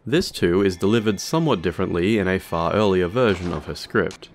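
A man with a deep voice narrates an explanatory video. His delivery is scripted, measured and formal. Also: expressive.

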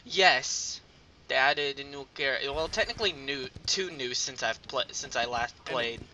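A man chatting casually while playing a game, excitable, jokey and foul-mouthed. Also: mid-range voice, moderate pace. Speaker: gamer. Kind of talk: casual game chat with goofy put-on voices. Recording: noisy game audio behind the voice. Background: game sounds.

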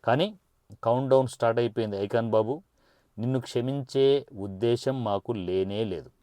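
A political party supporter launches into an angry, taunting rant aimed straight at his target, threats included. His mid-range voice is mellow at a normal speed, and the recording is dry.

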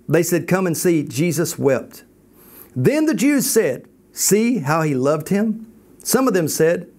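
A man's voice: on the high side, darkish tone. A man teaching a Bible college class, reading scripture aloud and commenting on it with emphasis.

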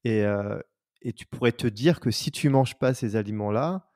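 A man's voice: fairly low pitch, normal speed, no echo, clean studio sound. Chatty man hosting a podcast. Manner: relaxed and chatty, stumbles and repeats words. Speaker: podcast host. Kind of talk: casual interview chat.

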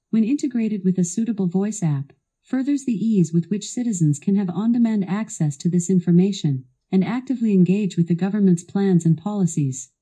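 A woman's voice assistant narrates a scripted product demo. Her delivery is polished and instructional, with clear enunciation, a medium pitch, and a warm tone.

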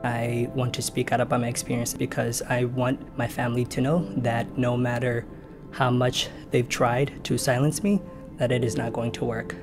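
A young man, born in Kenya and raised in Minnesota, gives an earnest, measured documentary interview about his own life. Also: mid-range voice, flat delivery. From born in Kenya, raised in Minnesota, United States. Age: young adult. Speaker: interviewee telling his personal story. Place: indoor room with a lamp, seated. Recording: clear music bed underneath.

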